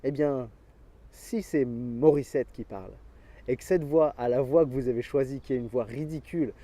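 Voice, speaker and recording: A man giving an energetic motivational talk to camera about sport, speaking directly to his viewers and chuckling often. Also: mid-range voice, normal speed, dry recording.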